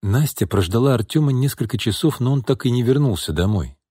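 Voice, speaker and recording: A man reading a story as an audiobook narrator, in a steady storytelling manner. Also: mid-range voice, fairly quick, husky, no echo, clean studio sound.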